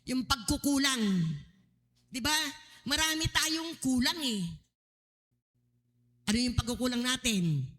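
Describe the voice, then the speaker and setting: A woman's voice: high voice, measured pace, long pauses, big-room sound. A woman pastor, preaching a sermon and acting out the people in the story. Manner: animated, acting out voices in quotes.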